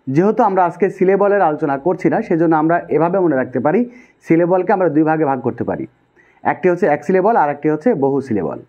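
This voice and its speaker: Male grammar tutor, Bangladeshi Bengali accent, slightly high voice, patient and repetitive, muffled lo-fi recording. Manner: patient, repeats key rules slowly. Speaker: English grammar teacher. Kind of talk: explanatory lesson. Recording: dull lo-fi sound.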